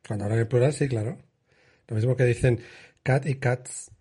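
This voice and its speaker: A man's voice: mid-range voice, moderate pace, warm tone, slightly rough. A man from Spain co-hosting a podcast, patiently correcting his partner in a matter-of-fact way. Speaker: podcast co-host. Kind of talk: casual banter.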